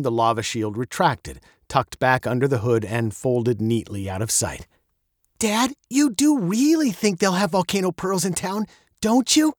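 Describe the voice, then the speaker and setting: A male narrator reads a children's chapter book aloud with playful expression. His voice sits in a middle pitch but swings widely, rising high for emphasis and dropping low for asides. The sound is dry, with no room echo. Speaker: audiobook narrator. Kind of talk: scripted storybook narration.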